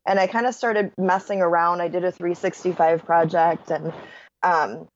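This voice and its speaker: A woman in her thirties, a wedding photographer talking as a podcast guest, bubbly and quick to laugh, with lots of "like". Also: fairly low pitch, fairly even intonation, highs cut off, a little hiss or hum. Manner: bubbly, laughs often, says "like" a lot. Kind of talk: casual interview chat.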